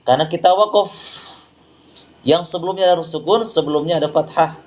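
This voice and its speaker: A man teaching tajwid, explaining slowly, repeating words and reciting examples for students to echo. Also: on the high side, a little hiss or hum.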